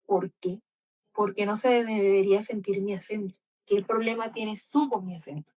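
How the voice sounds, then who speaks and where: A woman's voice: medium pitch, fairly even intonation, moderate pace, a little mellow, recorded from a distance, low-quality recording. Passionate Colombian coastal woman, off-mic. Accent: Colombian coastal Spanish. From Colombian Caribbean coast. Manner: passionate, argumentative, many fillers. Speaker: book club host. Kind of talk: casual book club discussion.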